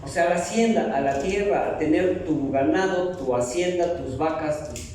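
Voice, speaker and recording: In a church hall, a middle-aged man preaches a sermon, cracking jokes and posing questions to the congregation. His voice sits high and warm, picked up by a distant mic in an echoey hall with slight background noise.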